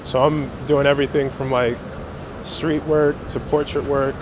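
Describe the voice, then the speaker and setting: A Brooklyn street photographer in his 20s gives casual, reflective, slangy answers in an interview outdoors on a city street. His medium-pitched voice is level and a little slow, set against noisy traffic and urban ambience.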